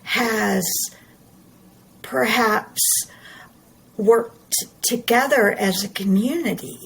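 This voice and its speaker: Woman, middle-aged, emphatic monologue, slightly high voice, very unhurried. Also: vocal fry, fairly bright tone, husky, poor audio. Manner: earnest, emphatic, repeats words, slow deliberate delivery. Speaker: podcast host. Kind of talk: personal monologue.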